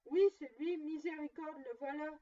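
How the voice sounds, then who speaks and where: A woman voicing an excited, eager old man who exclaims loudly in a storybook reading. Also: normal speed, close to an everyday voice. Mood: moved. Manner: exclaiming, louder and higher than the narration. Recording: dull distant lo-fi recording.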